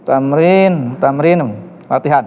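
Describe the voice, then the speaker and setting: A man's voice: on the high side, slow. A man teaching an Arabic class, encouraging his students and praising often. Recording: lo-fi, reverberant room.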